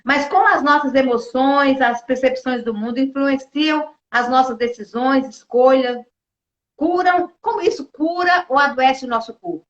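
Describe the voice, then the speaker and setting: A woman's voice: high voice, moderate pace. A woman hosting a live interview, chatty, greeting viewers by name and asking long questions. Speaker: host, state deputy. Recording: echoey, dull live-stream audio.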